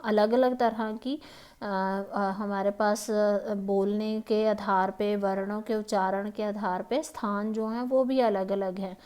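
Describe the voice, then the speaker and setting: A woman with a Himachali Hindi accent, a teacher patiently explaining exam grammar questions, pausing often and checking in with the listener. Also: mid-range voice, fairly even intonation, darkish tone, clean tone. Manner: patient, repeats "ठीक है" and "है ना", many hesitations.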